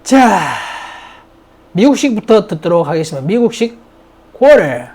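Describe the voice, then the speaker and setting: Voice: medium pitch, very animated, darkish tone. A grammar teacher giving a vocabulary and grammar lecture, repeating words and asking and answering their own questions. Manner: mixes English words into slow explanations.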